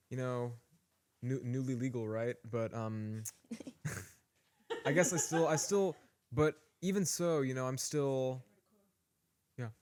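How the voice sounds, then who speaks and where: A man's voice: mid-range voice, fairly even intonation, slow, pauses often, a little mellow. A man in his early twenties, a drummer guest in a casual interview, earnest and often restarting his phrases. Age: early 20s.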